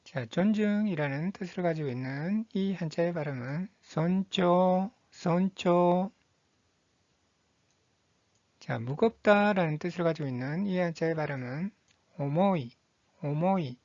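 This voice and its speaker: A woman teaching Japanese vocabulary, reading each word slowly and repeating it twice in a patient, methodical drill. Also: sits low, expressive, darkish tone, no echo, dull audio. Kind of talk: slow, deliberate vocabulary drill.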